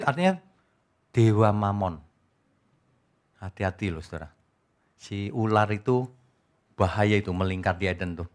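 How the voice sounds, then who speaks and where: A man preaching an evening prayer sermon as pastor, with a mocking, lively manner. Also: on the low side.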